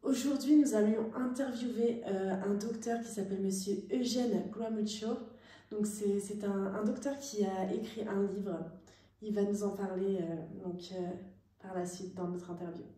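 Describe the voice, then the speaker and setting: A woman's voice: mid-range voice, steady tone, normal speed, dark tone. A woman in her twenties, a journalist hosting an interview in an informal style, with fillers. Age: 20s. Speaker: journalist and host. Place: indoor room, seated in armchair. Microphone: far camera. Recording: echoey room, mic at a distance.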